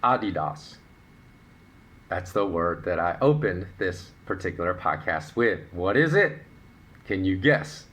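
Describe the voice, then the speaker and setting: A middle-aged man hosting a solo podcast, explaining his views in an animated, opinionated way with rhetorical questions. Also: sits low, measured pace. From United States. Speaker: podcast host.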